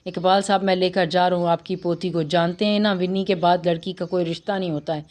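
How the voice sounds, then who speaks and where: A woman voicing a stern, powerful man who gives cold orders, in a low flat voice. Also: close to an everyday voice. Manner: cold, commanding.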